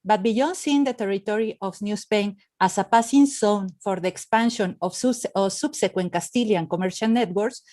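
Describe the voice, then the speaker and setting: A woman's voice: medium pitch, normal speed, hardly any pauses, a little mellow. A woman from Mexico reading her prepared conference paper aloud with careful delivery. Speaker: panel speaker.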